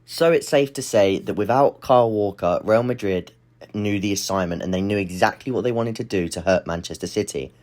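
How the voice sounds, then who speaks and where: Man, deep low voice, tactical football breakdown, slightly short of breath, analytical. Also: a little fast, darkish tone. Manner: analytical, explaining step by step. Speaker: football analysis channel host.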